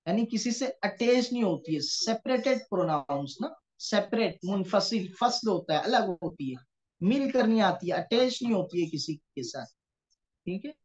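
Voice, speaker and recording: A man's voice: high voice, darkish tone. A man teaching an online grammar lesson, explaining patiently and often checking in with his students, over a computer mic on a video call. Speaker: Quranic Arabic teacher. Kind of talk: online class lecture. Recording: dull lo-fi online class audio.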